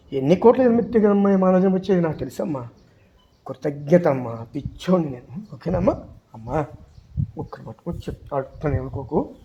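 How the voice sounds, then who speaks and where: A man praying aloud with deep devotion, pleading and fervent, chanting verses and shifting between soft murmurs and loud cries. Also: highs cut off, a little hiss or hum. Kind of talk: emotional devotional prayer.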